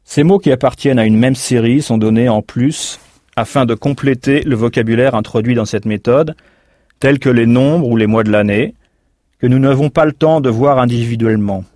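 A man's voice: mid-range voice, normal speed, darkish tone, no room sound, clean studio sound. A man teaching in a recorded language course, explaining patiently and spelling words out letter by letter. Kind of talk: recorded language lesson narration.

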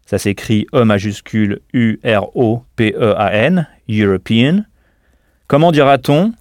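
A man teaching a scripted audio language lesson, explaining clearly and patiently and pausing for answers. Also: mid-range voice, a little mellow, no room sound, clean studio sound.

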